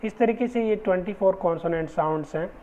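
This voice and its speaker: A man teaching English phonetics in a slow, patient lecture, repeating each example word with care. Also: sits high, dark tone, slight background noise. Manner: patient, deliberate, repeats example words slowly. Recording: dull lo-fi recording.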